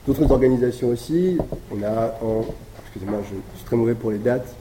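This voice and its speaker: A man's voice: mid-range voice, normal speed, noisy background. Hesitant man lecturing in an echoey room. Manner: hesitant, many fillers and restarts. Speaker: academic speaker. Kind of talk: academic lecture.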